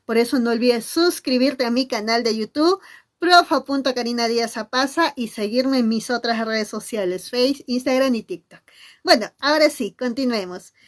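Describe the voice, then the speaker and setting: A woman teacher gives an animated lesson to camera, asking questions and answering in the voices of her students. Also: on the high side, normal speed. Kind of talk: classroom-style lesson to camera.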